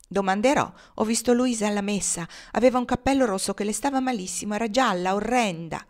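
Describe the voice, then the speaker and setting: A woman's voice: mid-range voice, fairly quick, natural voice. A woman reading the lines of a sly young girl in love who questions her sweetheart in a coquettish, mock-severe way, in a storybook. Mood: teasing.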